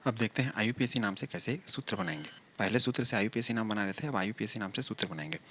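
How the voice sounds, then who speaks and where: A man's voice: lowish voice, expressive, quick pace, fairly bright tone, a little hiss or hum. A male chemistry teacher giving a lecture, talking through each step and asking the class rhetorical questions.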